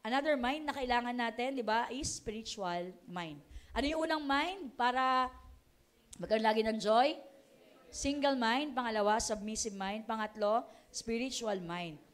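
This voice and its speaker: Chatty Filipino woman pastor, higher voice. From Philippines. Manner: chatty, keeps asking the congregation "di ba?", laughs often; mixes English phrases into Tagalog. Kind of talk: conversational sermon.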